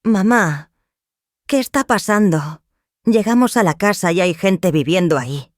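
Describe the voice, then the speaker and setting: A woman's voice: medium pitch, animated, a little slow, no room sound, clean studio sound, close to an everyday voice. A woman voicing a desperate grown son who pleads with his mother, near tears. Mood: pleading.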